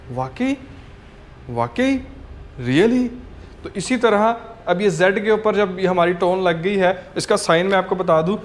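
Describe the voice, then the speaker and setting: A man teaching a language lesson in a patient, explanatory way, often checking in with "okay" and sounding out examples. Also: sits high.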